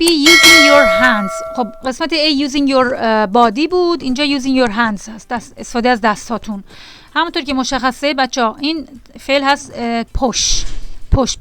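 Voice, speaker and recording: Patient woman teaching vocabulary, smooth voice. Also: sits high, fairly bright tone. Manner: reads English definitions aloud, then explains them; patient and repetitive, addressing students directly. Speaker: English teacher. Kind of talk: beginner vocabulary lesson.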